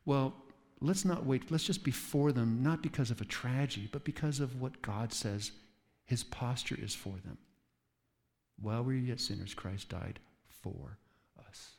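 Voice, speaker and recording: A man preaching a sermon at a mid pitch, animated and storytelling, with sudden high jumps whenever he acts out a quoted voice. His voice rings out with the long reverb of a church hall. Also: measured pace, vocal fry. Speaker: pastor.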